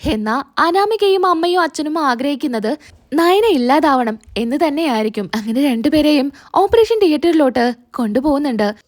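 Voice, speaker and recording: A woman's voice: high voice, expressive. A woman, retelling a serial's episode and voicing its lines in passing. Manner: quick retelling that voices quotes in passing. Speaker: serial recap narrator. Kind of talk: spoken story recap.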